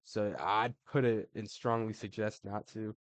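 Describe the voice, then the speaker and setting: A man's voice: on the low side, steady tone, unhurried, no room sound. A man giving casual, slangy commentary, swearing and tossing in "bro" constantly, with laughs between remarks. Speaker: online commentator ranking fighters.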